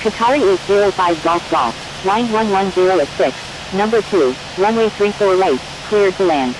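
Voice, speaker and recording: Woman acting as airport radio operator, flight simulator game, formal clipped cockpit-headset calls, clear background hiss. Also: normal speed, close to an everyday voice. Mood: procedural. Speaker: air traffic controller and pilot radio voice. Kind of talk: clipped aviation radio phraseology. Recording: clear steady hiss and rumble.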